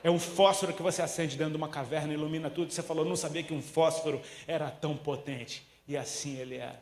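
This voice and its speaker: Man, Brazilian accent, preacher, sermon, slangy storytelling, slightly high voice, echoey room. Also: fast. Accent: Brazilian Portuguese. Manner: animated storytelling, slangy, acts out quotes. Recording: roomy echo.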